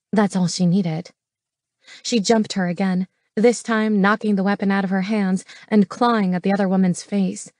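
A woman reading an audiobook as its narrator, steady and matter-of-fact. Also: medium pitch, dry recording. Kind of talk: scripted narration. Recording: dry studio voice.

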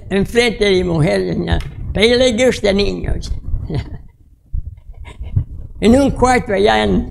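A pastor in his sixties preaches in a slow, unhurried way, stopping and restarting his phrases. His voice sits high for a man and is thick with gravelly fry. He tells his sermon as a personal story in broken phrasing. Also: slight background noise. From United States. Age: 60s. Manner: halting, broken Spanish with restarts.

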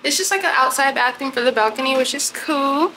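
A young woman vlogging casually to her viewers from a hotel room and balcony, chatty and animated, filmed on a phone held at arm's length. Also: sits high, a little fast, a little hiss or hum. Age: young adult. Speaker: travel vlogger. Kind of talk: casual vlog to camera. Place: hotel room and balcony at night, outdoors by a city street. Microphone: handheld phone camera at arm's length.

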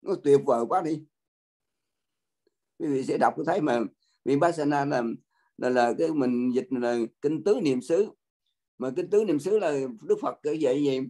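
Older male monk, folksy and repetitive sermon, voice pitched a bit high. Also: measured pace, long pauses, mellow. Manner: folksy, repetitive, addresses listeners directly. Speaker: Buddhist monk teacher. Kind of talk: dharma talk.

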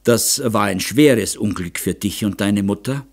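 A man voicing a gentle, worried young noblewoman who asks soft, anxious questions in an audiobook. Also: on the low side, measured pace, creaky, breathy edge, heavily acted. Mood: dreamy. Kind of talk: audiobook character voice.

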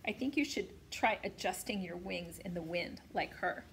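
A woman voicing a calm, patient robot mother who explains things in a measured way. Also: lowish voice, gravelly, slight background noise. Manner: measured and instructive.

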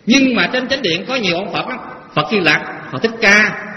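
A man's voice: high voice, animated, normal speed. A man, a Buddhist monk, giving a Dharma talk to lay followers in a temple hall, telling folksy stories and asking the audience rhetorical questions. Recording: echoey hall, dull lo-fi sound, faint noise.

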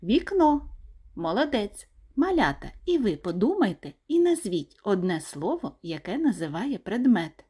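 A woman teaching small children in a slow, sing-song lesson voice, pronouncing each word clearly and deliberately. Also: medium pitch, big pitch swings, darkish tone. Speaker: kindergarten teacher.

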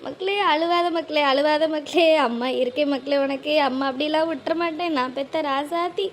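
A woman's voice: high voice, normal speed, a little hiss or hum, close to an everyday voice. A woman voicing a grieving, remorseful middle-aged mother in a cartoon, consoling and apologising through tears. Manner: sobbing, consoling, repentant. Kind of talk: cartoon voice acting.

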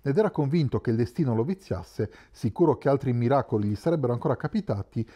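Mellow-voiced male audiobook narrator. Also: mid-range voice, animated, quick pace. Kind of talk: scripted narration.

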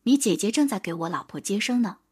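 A woman voicing a sly, coaxing middle-aged village man who talks slowly and wheedlingly, in an audiobook. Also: medium pitch, animated, slightly rough. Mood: soothing.

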